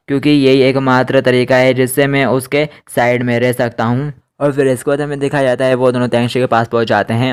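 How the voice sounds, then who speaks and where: Male recap narrator, quick even delivery, clean and smooth tone. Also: medium pitch. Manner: fast, even storytelling with repeated stock phrases. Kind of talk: Hindi anime recap narration with quoted dialogue.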